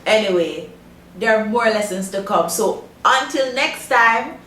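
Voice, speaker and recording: A woman's voice: a little high, lively intonation, a little slow, a bit bright. A woman with a Jamaican accent presenting a language lesson as its host. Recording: roomy echo, faint background noise.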